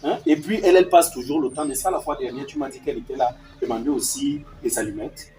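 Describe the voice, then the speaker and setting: A man's voice: fast talker, loud music behind the voice, natural voice, low-quality recording. A man playing a patient father who soothes his crying daughter and pleads with his harsh wife. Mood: explaining. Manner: soothing and pleading, switching into sudden high-pitched exclamations. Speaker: actor in a family skit. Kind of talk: scripted skit acting.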